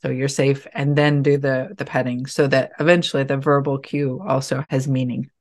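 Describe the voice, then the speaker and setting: A woman giving calm, measured and reassuring advice in a relaxed conversation. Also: very deep voice. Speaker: podcast guest.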